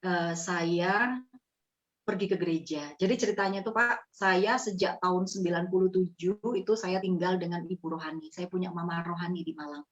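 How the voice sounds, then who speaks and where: A woman from East Java, Indonesia, earnestly tells a host her heartfelt personal testimony, calling him "Pak." She speaks at a moderate pace in a lowish voice, and the audio is slightly muffled.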